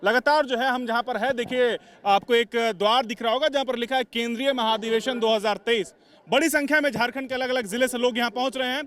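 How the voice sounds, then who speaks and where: A male news reporter with a high voice speaks from outdoors at a party convention venue. He asks long, probing questions with frequent fillers and restarts. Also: steady tone, fast, fairly bright tone. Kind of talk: on-site news interview.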